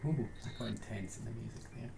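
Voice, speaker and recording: A man narrating scenes as game master of a tabletop horror game, in slow, even descriptive narration. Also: fairly low pitch, vocal fry. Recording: roomy with loud background music.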